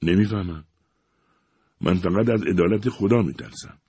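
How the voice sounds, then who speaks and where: A young priest who is gentle but turns stern, with a calm, measured delivery, as a male narrator voices him. The voice is low and slightly husky. It sounds dry and close to the mic. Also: dry recording. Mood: puzzled. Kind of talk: audiobook character voice.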